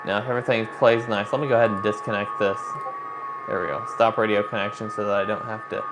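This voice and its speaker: An amateur radio operator hosts a hobby livestream, chatting casually and thinking aloud while he walks viewers through a demo. His voice is lowish and steady, and he talks fast. Loud music plays behind him, and the rough recording carries noticeable background noise.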